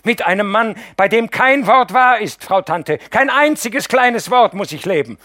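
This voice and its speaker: A man's voice: high-pitched, animated, takes it slowly, a bit bright, dry recording, studio quality, pitched above the performer's own voice, heavily acted. A man reading an audiobook, voicing a bitter, hysterical young woman who hurls frantic accusations.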